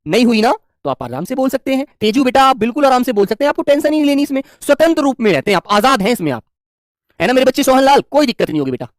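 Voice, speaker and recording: A man teaching Hindi grammar in an online exam-prep lesson, affectionate and reassuring, and sometimes dictating slowly word by word as he writes. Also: very high voice, very animated, dry recording, clean studio sound. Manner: affectionate and reassuring, keeps calling students "dear children".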